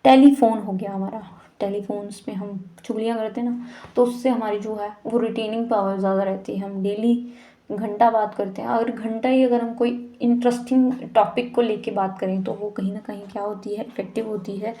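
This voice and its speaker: A woman's voice: mid-range voice, level tone, normal speed, warm tone. A woman with an Indian accent explains a lesson to students in a casual teaching manner, often asking rhetorical questions and mixing in English terms.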